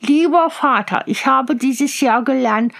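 A woman voicing a simple, naive young son who answers slowly and earnestly in a fairy tale reading. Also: high voice, creaky, fairly bright tone, full character voice.

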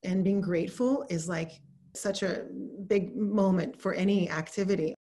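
A woman's voice: lowish voice, fairly even intonation, moderate pace, dark tone. A woman guest in a casual chat, telling her story in an earnest, emphatic way.

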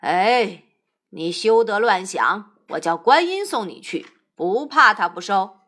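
A woman voicing a serene, merciful old male Buddha in a storybook tale, speaking slowly in a lowered voice. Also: very animated, fairly bright tone, heavily acted. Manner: slow, lowered, measured.

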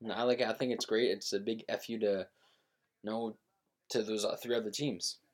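A man's voice: lowish voice, level tone, fairly quick. A man co-hosting a casual sports talk show, reading football news aloud with frequent ums and restarts. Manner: reads news with many fillers and restarts.

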